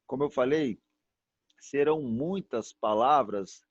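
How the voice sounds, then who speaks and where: A Brazilian man teaches an online class at a middle pitch, repeating words patiently and drawing each one out to show how it sounds. His voice comes through a dull, muffled video-call line with no room echo at all. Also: breathy edge. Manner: patient, repetitive, drawn-out demonstrations. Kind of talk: online class pronunciation lesson.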